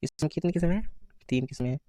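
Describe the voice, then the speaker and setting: A man giving an exam-prep grammar lesson, asking questions and answering them himself, reading out the answer options slowly. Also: on the high side, warm tone, dry recording. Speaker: teacher.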